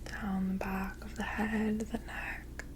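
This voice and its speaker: An airy, breathy woman whispers slowly over faint ambient noise. It is a whispered role-play of a mystical energy healer, gentle and soothing. Her delivery stays very even and unhurried. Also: medium pitch. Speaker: ASMR reiki energy healer.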